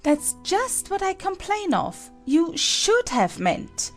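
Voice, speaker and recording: A woman's voice: very high voice, wildly swooping pitch, slow pace, soft background music, full character voice. A woman playing a stern, bossy, haughty queen who lectures sharply in a storybook drama. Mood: impatient.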